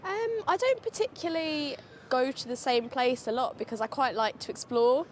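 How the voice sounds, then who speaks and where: A young woman listing travel plans with many pauses and fillers. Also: high-pitched, slight background noise. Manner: hesitant, with fillers. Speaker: interviewee. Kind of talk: casual chat.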